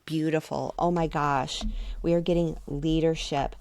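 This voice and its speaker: A middle-aged woman doing a casual tarot card reading, chatty and excitable, thinking aloud as she goes and sometimes rushing her words. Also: low-pitched, smooth, dry recording. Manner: talks fast at times. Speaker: tarot reader.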